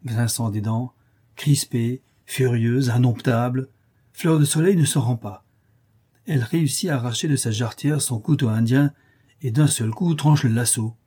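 Dark husky male audiobook narrator. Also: medium pitch, normal speed.

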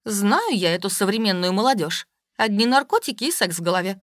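A woman voicing an older mother who complains without pause in a reproachful, whining way. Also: mid-range voice, animated, no room sound, studio quality, natural voice. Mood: nagging. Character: nagging self-pitying older mother, complaining nonstop.

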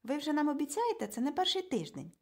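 A woman's voice: medium pitch, steady tone, fast, darkish tone, lightly acted. A woman voicing a fussy, demanding woman who complains in an indignant tone. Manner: whiny, indignant.

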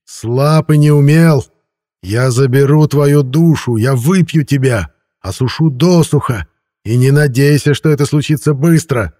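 A man's voice: high-pitched, expressive, slow, creaky, a bit bright, breathy edge, voice pushed up, exaggerated voice. A man voicing the malevolent snake-like spirit of a cursed ring, with a howling, shrieking voice and a gloating, menacing manner in an audiobook. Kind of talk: audiobook character voice.

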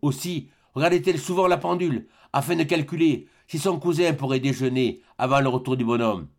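Reading a classic novel aloud for an audiobook, this narrator keeps his storytelling steady and measured. His voice runs somewhat high, with some vocal fry.

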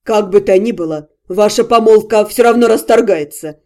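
A woman voicing a calm, self-assured young nobleman in an audiobook, speaking low and unhurried. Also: lightly acted. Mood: calm, smug. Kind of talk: audiobook character reading.

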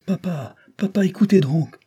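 A male reader voicing a sickly little boy who pleads with his father in a high voice. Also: moderate pace, dark tone, slightly rough. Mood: plaintive.

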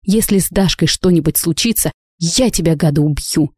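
Natasha, a fierce, indignant young friend, voiced by a woman reader, sharp and protective. The tone is warm and mellow and sits dry and close to the mic, as in an audiobook. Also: deep voice, moderate pace, breathy edge, no echo. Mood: furious.

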